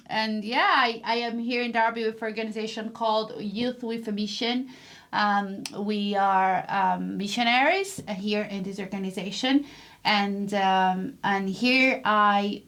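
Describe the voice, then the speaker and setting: Giggly Brazilian-accented woman, slow talker. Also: mid-range voice, fairly even intonation, a bit bright. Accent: Brazilian Portuguese. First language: Portuguese. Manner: giggly, playful, laughs often. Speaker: podcast co-host. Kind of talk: casual podcast chat.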